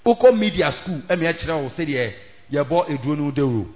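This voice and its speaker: A man's voice: fairly high pitch, animated, fast talker. A man with a Ghanaian accent preaching an impassioned evangelistic sermon, emphatic and repetitive, switching between English, Twi and Ghanaian pidgin. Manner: emphatic, repetitive, rising to shouts. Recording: thin phone-like sound, faint music.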